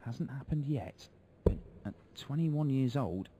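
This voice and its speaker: Guy commentating on darts, mid-pitched voice, colloquial, noisy venue behind him. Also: lively intonation, measured pace. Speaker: sports commentator.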